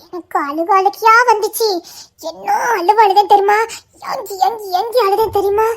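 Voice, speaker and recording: A shrill, very high young wife, played by a woman, childlike and petulant. She sulks and refuses in playful bursts, her voice piercing and bright. The style is that of a Tamil audio drama. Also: fairly even intonation, moderate pace. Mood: tearful recounting.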